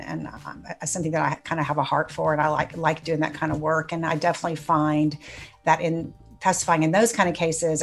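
A middle-aged woman with an American accent talking casually in an interview, circling through her phrasing with asides. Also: deep voice. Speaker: forensic psychologist in conversation. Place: indoor office on a video call.

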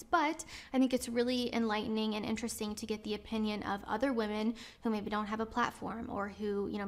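A woman hosting a YouTube channel, giving a scripted intro and asking interview questions. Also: mid-range voice.

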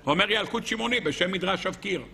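Bright high-voiced rabbi teaching. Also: male voice, vocal fry, slightly rough. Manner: animated, rhetorical questioning. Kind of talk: Torah lesson.

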